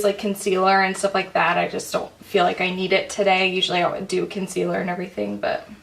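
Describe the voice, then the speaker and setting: A woman's voice: medium pitch, vocal fry, fairly bright tone, far from the mic. A young woman chatting casually through a makeup tutorial at home, full of "like" and "um" fillers. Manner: chatty, filler-heavy, says "like" often. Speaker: beauty vlogger.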